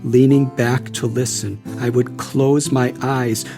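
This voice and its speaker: A man narrates an audiobook memoir in a slow, unhurried way. His voice carries a gravelly, creaky edge, and he reads in a measured, reflective manner while soft guitar plays faintly behind him. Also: mid-range voice, flat delivery. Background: soft guitar music.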